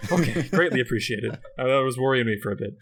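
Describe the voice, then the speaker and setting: A man co-hosting a chatty music podcast. His voice is mid-pitched and swings widely as he jokes and laughs. Music plays under the talk. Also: fast. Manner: animated, laughs often, jokey tangents. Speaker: podcast co-host. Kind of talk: casual chat about game music.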